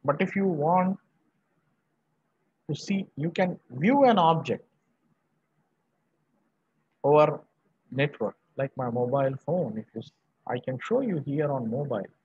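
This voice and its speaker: With a slightly high, mellow and expressive husky voice, a university professor from Varanasi, northern India, lectures to students online. He talks emphatically in short, halting bursts and repeats himself. The small indoor room adds no room sound, and the video-call audio is muffled and dull.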